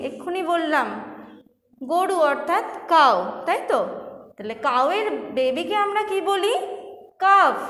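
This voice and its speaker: High-voiced patient woman teacher, echoey room. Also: fairly bright tone. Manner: slow, patient, spells words letter by letter. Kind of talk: online lesson for young children. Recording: echoey room with long reverb.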